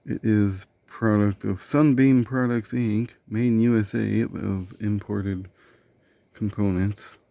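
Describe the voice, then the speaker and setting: Slow, gravelly-voiced man unboxing a fan. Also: lowish voice, fairly even intonation, dark tone, no echo. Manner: dry, sarcastic asides; rambling, with fillers and self-corrections. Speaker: host of a product unboxing show. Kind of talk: casual unboxing commentary.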